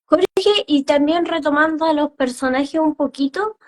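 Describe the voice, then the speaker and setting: A woman's voice: high voice, measured pace. A woman co-hosting an interview, attentive and affirming as she leads back to questions. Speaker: co-host. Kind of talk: casual interview talk.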